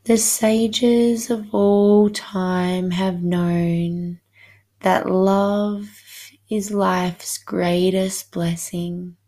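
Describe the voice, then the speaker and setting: A woman guiding a hypnosis session, speaking softly and soothingly, at times drifting into a whisper. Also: mid-range voice. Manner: slow, soothing, hypnotic delivery.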